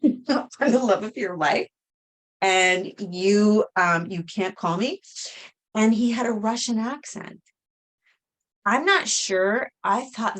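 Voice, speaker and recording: A middle-aged woman talking to camera in a casual vlog, halting, with many fillers and restarts. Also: mid-range voice. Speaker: vlogger.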